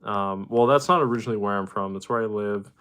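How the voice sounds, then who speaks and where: A man's voice: fairly low pitch, quick pace, a bit bright, clear, resonant tone. A young man from Boston hosting a casual livestream, greeting chatters and rambling with lots of fillers. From Boston, Massachusetts. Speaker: livestream host. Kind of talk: casual livestream chat reading viewer comments.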